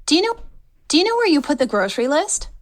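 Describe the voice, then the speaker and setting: Lady voicing a housemate, quick high voice, lots of bounce, casual everyday talk. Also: very animated. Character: woman hunting for the grocery list. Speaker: voice actor in a scripted practice dialogue.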